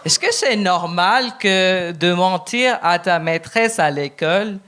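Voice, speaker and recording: A young man, a Telugu speaker, works through a stand-up set in a deadpan, self-mocking way. His voice sits high and he takes his time. The stage mic carries a loud wash of noise. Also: takes it slowly. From India. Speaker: stand-up contestant.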